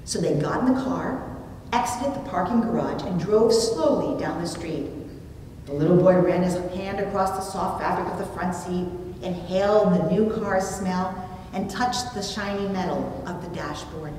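Heavy room echo and rumbling noise surround a middle-aged woman preaching from a pulpit in a small church, picked up by a distant microphone. She reads her story-filled sermon from notes with deliberate, measured, expressive phrasing.

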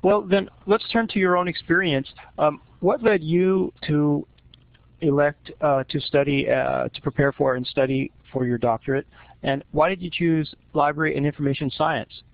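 A man conducting an interview, asking questions in a measured way with pauses. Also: a little high, fairly even intonation, vocal fry, no room sound. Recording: dull lo-fi recording.

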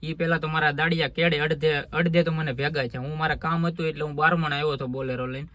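Talking fast in a steady, bright, forceful voice on the high side, this farmer vlogs earnestly outdoors on his farm. He holds the phone himself and chats casually to camera in a homely village way.

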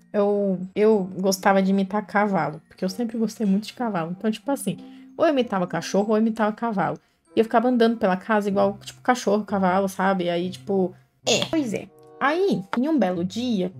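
A woman's voice: a little high, darkish tone. A young woman, chatting to viewers while doing cosplay makeup and telling childhood stories in a slangy, self-mocking way. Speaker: cosplay vlogger.

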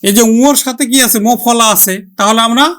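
A teacher gives a pronunciation lesson at a medium pitch. Each example word is drawn out slowly and said again and again. The teacher keeps asking the listener questions and then answers them. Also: a bit bright. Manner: drawn-out, careful sounding of example words.

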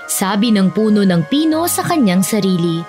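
A woman's voice: mid-range voice, big pitch swings, normal speed, darkish tone, faint music behind. A woman narrating a scripted children's fairy tale as a storyteller.

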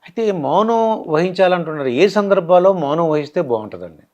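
A man with a Telugu accent interviewing a guest, asking short, measured questions. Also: sits high, expressive, darkish tone. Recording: dull, lo-fi sound.

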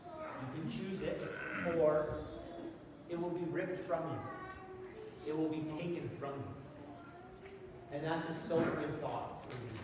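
A middle-aged man preaching as a layman gives a folksy, self-deprecating sermon, slowly and with long pauses, repeating words as he goes. His animated voice is on the high side, captured from far off in an echoey, noisy church hall.

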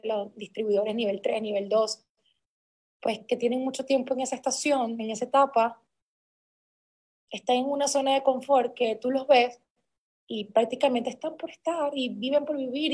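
Woman, high voice, conference motivational speaker, emphatic and driving. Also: darkish tone. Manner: emphatic and repetitive, building intensity. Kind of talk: motivational talk to a sales team.

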